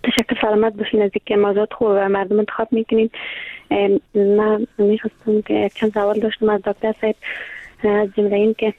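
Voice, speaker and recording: A woman calling in to a radio show over a phone line, asking her question politely and hesitantly, with many pauses. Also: mid-range voice, monotone, dry recording. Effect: heard over a phone line.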